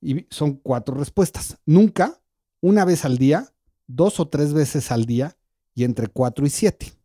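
Doctor, mellow voice, dry studio sound. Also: male voice, a little high, a little slow, no echo. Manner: calm, explanatory, walks through a quiz step by step. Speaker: gastroenterologist guest. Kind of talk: explaining on a radio talk show. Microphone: studio microphone.

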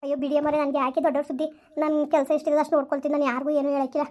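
A woman's voice: high-pitched, little pitch movement, rapid-fire, a little mellow, natural voice. Woman doing a pleading frightened housemaid. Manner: pleading, begging.

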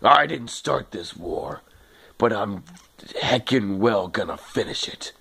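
A young man switching into an impression voice of a gruff, grim veteran soldier. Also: fairly low pitch, lively intonation, slow pace, fairly bright tone, heavily acted. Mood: grim resolve. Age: young adult. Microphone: phone at arm's length.

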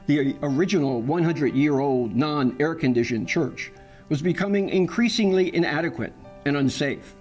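A man giving calm, measured scripted narration for a church history documentary. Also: a little high, soft background music.

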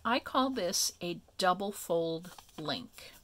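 A woman hosting a craft tutorial, explaining each step in a relaxed, chatty way with many ums and asides. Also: fairly low pitch, takes it slowly, a little hiss or hum. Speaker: craft video host.

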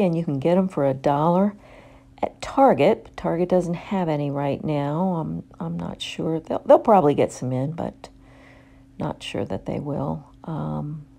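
A woman chatting casually through a store as she films with her phone, pausing often with ums and uhs. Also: fairly low pitch, gravelly, warm tone. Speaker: shopping vlogger. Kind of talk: casual shop-with-me narration. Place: store aisle, handheld phone camera.

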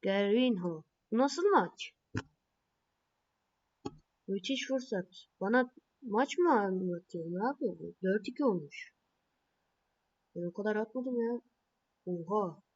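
A woman playing a mobile football game, calling her own plays and reacting with excited and frustrated outbursts. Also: medium pitch, slow pace, long pauses, husky, lo-fi sound.

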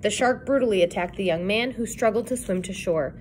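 A woman reading a novel aloud in an even, clear narrating voice. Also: medium pitch, a little fast, slight background noise. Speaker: reader.

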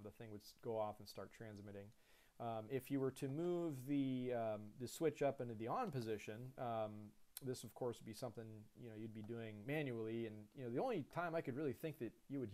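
A man in his thirties, an airline pilot, giving a relaxed screen-share lesson on cockpit controls, with lots of fillers and restarts. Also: mid-range voice.

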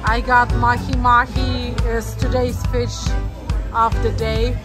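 A fairly high-voiced woman co-hosting a food vlog, cheerful and loose, with plenty of fillers. Clear music plays behind her. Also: level tone, slow. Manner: upbeat, chatty, loose fillers. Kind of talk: casual food review chat.

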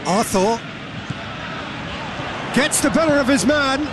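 A man giving play-by-play football commentary for a video game, rising to shouts on chances. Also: very high-pitched, expressive, slow pace, heavily acted. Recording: studio voice over loud crowd noise.

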